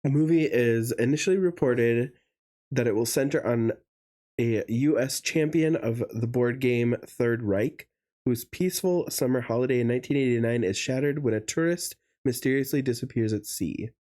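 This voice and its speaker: A young adult man co-hosting a podcast, with a warm, mellow tone. He gossips casually and often pauses on "um" and "like" while telling stories. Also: mid-range voice. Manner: chatty, gossipy, many fillers. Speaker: podcast co-host. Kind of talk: casual chat.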